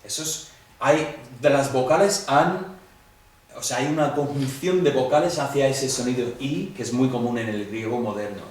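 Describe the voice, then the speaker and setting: A man's voice: medium pitch, normal speed, a little mellow, distant mic. A man teaching a class, talking straight to his students in a conversational way and acting out the dialogue he quotes. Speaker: Greek teacher. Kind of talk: classroom lecture. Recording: echoey room, voice from off the mic.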